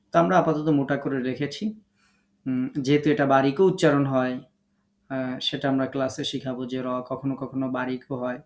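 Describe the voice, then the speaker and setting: A man's voice: medium pitch, roomy sound. A man teaching an online class on how letters are pronounced, explaining patiently and step by step. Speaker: Quran recitation teacher.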